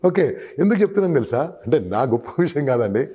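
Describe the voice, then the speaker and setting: Husky, mellow-voiced man coaching sales. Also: mid-range voice, sing-song, quick pace, lo-fi sound. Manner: emphatic, addresses listener as boss, acts out customer dialogue. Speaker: sales trainer guest. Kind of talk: advice interview.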